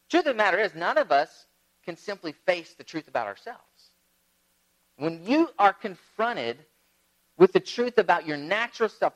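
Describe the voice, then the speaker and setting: A man delivering a sermon, his voice riding up and down with lively pitch. He tells stories with big swings between loud, emphatic bursts and hushed, low asides. His voice sits a little higher than most men's. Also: poor audio. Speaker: pastor.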